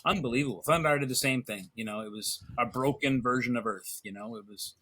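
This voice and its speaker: A man who works as an illustrator, chatting as a podcast guest and telling stories about old cartoons with growing excitement. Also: medium pitch, brisk. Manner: animated storyteller, gets excited.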